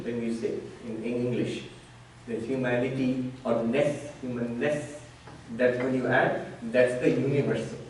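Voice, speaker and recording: A man's voice: mid-range voice, a little mellow, slight background noise. A man, a monk, teaching scripture at a retreat, explaining patiently and acting out an opponent's objections. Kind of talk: lecture on scripture. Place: retreat hall. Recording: echoey hall, far from the mic.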